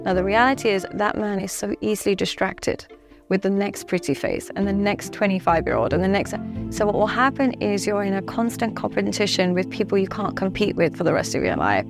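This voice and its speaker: A woman's voice: mid-range voice, expressive, brisk, creaky, over music. Assured woman giving relationship advice. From Dubai. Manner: assured, explanatory, acts out quoted thoughts. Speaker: podcast guest.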